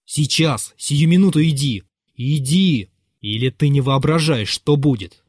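A man doing a bitter man shouting in fury. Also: a little slow, slightly rough, no room sound, studio quality. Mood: furious. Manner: loud, ranting and raised in pitch. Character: furious, bitter, poor man shouting at his servant.

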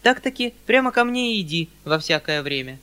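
A man voicing a kindly, flustered older landowner who talks in a fussy, hurried, excitable way. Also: fairly high pitch, clear, resonant tone, voice pushed up. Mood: flustered eager.

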